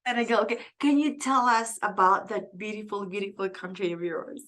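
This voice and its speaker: A woman hosts a casual interview over a video call, with a bright, crisp tone. She prompts her guest warmly and pauses often on "um." Her pitch sits in the middle of the range. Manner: warm encouraging prompts, hesitant fillers. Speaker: host.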